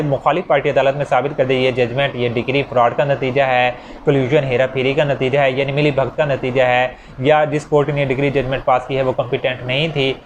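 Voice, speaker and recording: This explanatory law lecture comes from a man with a Pakistani accent who teaches informally and step by step, using worked examples, repeated key phrases, and English legal terms. His pitch is medium, and the lo-fi audio has a little background noise.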